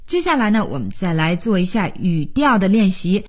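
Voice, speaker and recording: A woman's voice: mid-range voice, sing-song, moderate pace, a little mellow, husky. A woman hosting a radio English lesson, encouraging and chatty as she talks straight to her listeners.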